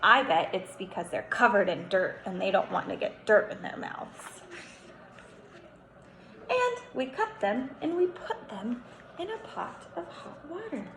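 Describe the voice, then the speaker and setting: Reading aloud to her kindergarten class, a young adult woman speaks at a medium pitch, slowly and deliberately, with a noticeable creak in her voice. She's animated and instructive, stretching key words for emphasis and explaining as she goes. The room echoes around her, with faint background noise.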